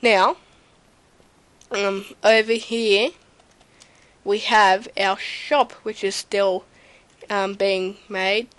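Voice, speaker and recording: Slow and hesitant, a young woman with a slight cold, runny nose, and cough rambles through a casual gameplay tour of the server she owns, using many ums. Her medium-pitched voice is steady and fairly bright, with no echo. She records at a computer in her home room, where a desk mic beside the keyboard picks up her typing.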